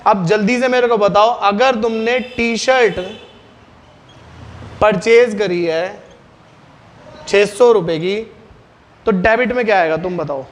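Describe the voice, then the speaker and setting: Man, teacher, high voice, classroom lesson, quick questions to students, faint background hum.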